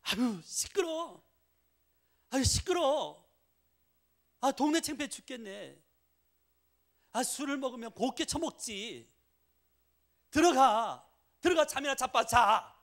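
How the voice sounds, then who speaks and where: A male pastor mimicking an exasperated wife who scolds her drunk husband in a shrill, nagging voice. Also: animated, takes it slowly, long pauses, fairly bright tone, heavily acted.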